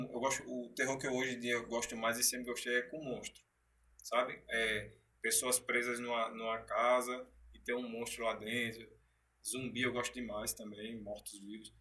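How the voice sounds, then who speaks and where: A man's voice: medium pitch, bright, forceful tone. A man being interviewed as a guest actor, telling stories animatedly in casual chat with frequent restarts. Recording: distant from the mic.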